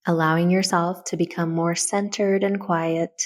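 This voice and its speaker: A woman with a slightly low voice guides listeners through a meditation step by step. Her instructions are soft, soothing and gentle, spoken in a level tone at normal speed.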